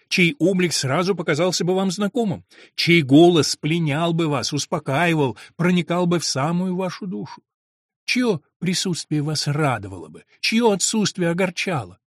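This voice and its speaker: A man voicing a passionate, brooding monk in an audiobook, speaking in a low, hushed and intense voice. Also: no room sound, studio quality. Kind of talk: audiobook reading.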